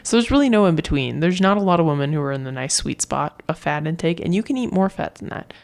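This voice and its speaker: Chatty woman fitness coach, low gravelly voice. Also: expressive, fast talker, darkish tone. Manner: chatty, rambling, many fillers and restarts. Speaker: fitness coach podcast host. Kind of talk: casual solo podcast talk.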